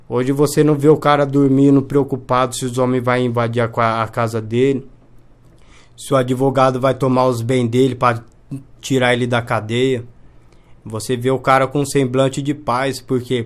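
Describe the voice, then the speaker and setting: Earnest man, mid-range voice, testimonial interview delivery. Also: mid-range voice. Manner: earnest, often asks "entende?".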